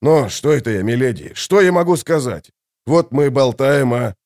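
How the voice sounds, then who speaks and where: A man's voice: mid-range voice, animated, normal speed, a little mellow, natural voice. A broken, pleading old warrior, read by a man. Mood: flustered. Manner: faltering, pleading.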